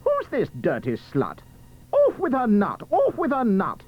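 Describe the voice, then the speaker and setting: An imperious young storybook prince, performed by a man. His voice jumps high and swings wildly as he proclaims and orders with a hot temper. The recording is a little dull. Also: huge pitch swings, measured pace, full character voice. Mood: furious. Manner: shouting, melodramatic proclamations. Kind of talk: storybook verse character voice.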